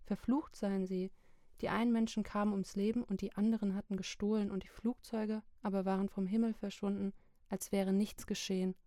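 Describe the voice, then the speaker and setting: A woman narrating a literary book chapter in a slow, measured, even reading. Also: mid-range voice, dry recording, clean studio sound. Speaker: audiobook narrator.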